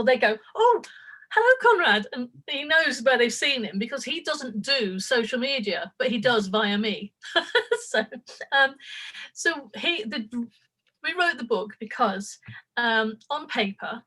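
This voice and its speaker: A little high and sharp-toned, this older woman's voice carries a casual video-call interview about her writing. She's open and affectionate, laughs often, and rambles with fillers.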